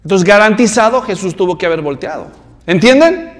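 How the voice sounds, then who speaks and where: A man's voice: high voice, animated, brisk, in a large hall. A man preaching a sermon, telling the story vividly and putting questions to the congregation. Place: church.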